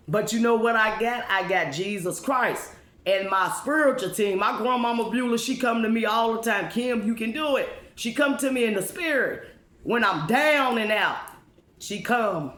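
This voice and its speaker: A woman's voice: fairly high pitch, moderate pace, a bit bright. A woman giving an informal motivational testimony, speaking emphatically and repeating herself with rhetorical questions. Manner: emphatic, repetitive, with rhetorical questions and check-ins. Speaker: spiritual speaker addressing followers. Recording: echoey room.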